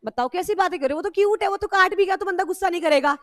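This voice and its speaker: A woman law teacher, lecturing a class in a loud, animated way, teasing her students and mixing with English. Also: extremely high pitch, very fast, no room sound, clean studio sound.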